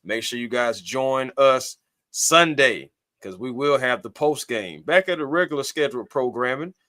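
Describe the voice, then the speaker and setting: A man's voice: medium pitch, animated, normal speed, sharp tone, no room sound. A man hosting a casual sports talk livestream from a home mic on a video call, upbeat as he closes out the show and gives his predictions. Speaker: podcast host.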